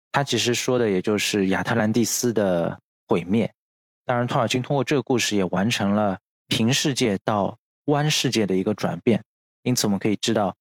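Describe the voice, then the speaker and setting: A man with a medium-pitched voice hosts a podcast, reading a script about literary history in a bookish, explanatory way. The recording is dry and studio quality, with music playing beneath his voice.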